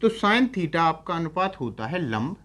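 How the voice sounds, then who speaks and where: Young guy teaching trig, goes step by step, keeps asking if it's clear. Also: on the high side, big pitch swings, measured pace, a bit bright. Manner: explains step by step, asks "clear?" to check understanding. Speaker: math teacher. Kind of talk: classroom lecture on trigonometry.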